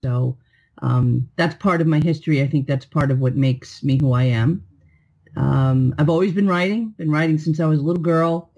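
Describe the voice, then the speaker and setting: A woman's voice: low voice, fairly even intonation, moderate pace, dark tone, dull audio. A woman from New York, a poet, answering interview questions in a reflective, friendly way. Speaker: poet and author, guest.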